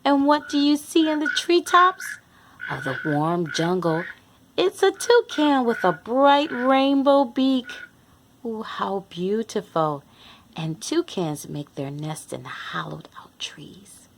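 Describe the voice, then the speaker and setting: With a fairly high voice and lively intonation, a woman slowly reads a picture book to young children. Hosting the read-along, she addresses them directly, reads expressively and imitates animal sounds, with a little hiss or hum present.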